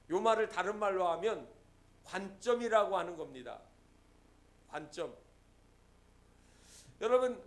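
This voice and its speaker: High-voiced pastor guy preaching a sunday sermon, quoting scripture, pushing hard on the big lines. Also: a bit bright. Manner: preaching with rising emphatic exhortations and quoted scripture. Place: church sanctuary.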